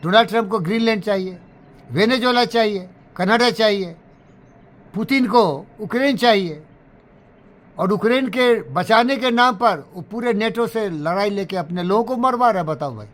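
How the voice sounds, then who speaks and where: A man's voice: sits high, moderate pace. A man telling stories from his life in a rambling, emotional monologue, sprinkled with curses. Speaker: speaker recounting his life. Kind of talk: animated storytelling monologue.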